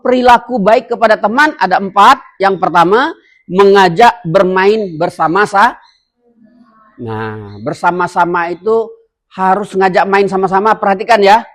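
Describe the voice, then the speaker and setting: A man, teaching children as a religious teacher and quizzing his young listeners with questions. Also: high-pitched.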